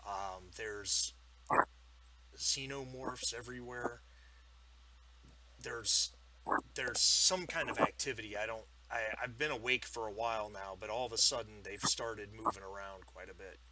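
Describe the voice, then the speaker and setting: A man game master voicing a male colonel who is stuck in a hive. He speaks in a hushed whisper and talks in halting, urgent bursts. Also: fairly low pitch, very noisy, close to an everyday voice. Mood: anxious.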